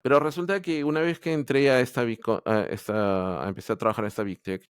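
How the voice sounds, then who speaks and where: This Android developer from Peru talks fast in a steady, clean, mid-range voice while telling his story on a podcast. The casual interview finds him candid and hesitant, frequently restarting, in clean studio sound without echo.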